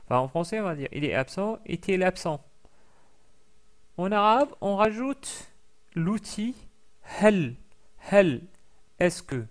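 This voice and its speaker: A man teaching a lesson in French, explaining slowly with many fillers and restarts and carefully sounding out each letter. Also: sits high, lively intonation. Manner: carefully over-articulates sounds being taught. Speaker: Arabic teacher. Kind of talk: recorded language lesson.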